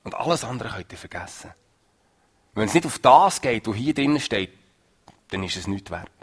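A man preaching a sermon in a lively, emphatic way, swinging between loud and soft. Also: fairly low pitch, normal speed, breathy edge.

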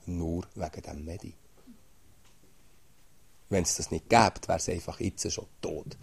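A man's voice: low voice, fairly even intonation, unhurried, creaky, slightly rough. A man gives an informal sermon to a small group, talking in a conversational way and often asking "oder?". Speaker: lay preacher.

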